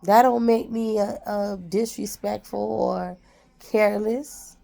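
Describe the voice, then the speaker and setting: Gravelly-voiced woman giving heartfelt advice. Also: medium pitch, fairly even intonation, slow pace, warm tone. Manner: repeats phrases for emphasis, preachy and heartfelt. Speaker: vlogger. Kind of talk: casual motivational talk.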